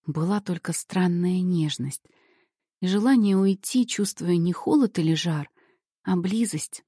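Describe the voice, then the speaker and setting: Husky low-voiced woman narrating a story. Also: no echo, studio quality. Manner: measured, softly dramatic reading. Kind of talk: scripted first-person story narration.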